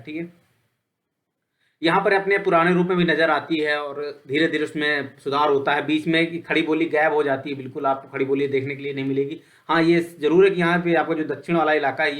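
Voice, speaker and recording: Casual, fairly high-voiced male teacher. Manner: conversational, repeats points with "ठीक है"; poses questions then answers them. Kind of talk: online lecture.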